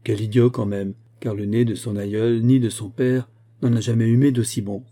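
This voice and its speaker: A man reading a fantastic folk tale aloud as narrator, in a lively storytelling manner. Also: lowish voice, normal speed. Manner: lively storytelling, voicing the grandfather's lines.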